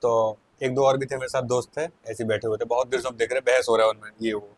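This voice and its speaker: A man casually telling a personal anecdote, animated and often laughing as he goes. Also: medium pitch, fast, no echo. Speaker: storyteller.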